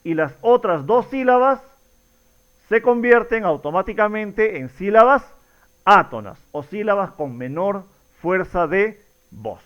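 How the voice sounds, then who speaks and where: A man's voice: high-pitched, expressive, a little slow, clean tone, highs cut off. A man teaching a class, stretching out words and stressing syllables to show students how they are pronounced, and asking the same question again and again. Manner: addresses students directly, repeating each question. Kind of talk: recorded classroom lesson.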